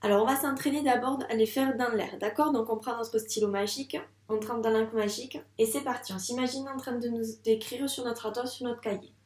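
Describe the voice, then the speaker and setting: A woman teaching a first-grade handwriting lesson, speaking slowly and patiently and encouraging the child directly. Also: a little high, fairly even intonation, darkish tone, reverberant, far from the mic.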